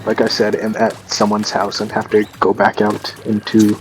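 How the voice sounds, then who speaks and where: A man chatting casually while gaming, making dry, deadpan jokes. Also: on the low side, moderate pace, slight background noise. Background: game music.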